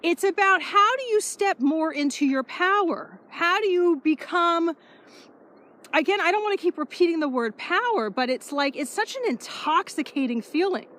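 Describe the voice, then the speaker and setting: A woman speaking as a spiritual life coach in a casual walking vlog, energetic and repetitive, swearing offhandedly. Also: very high voice, normal speed. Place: outdoors, power walking.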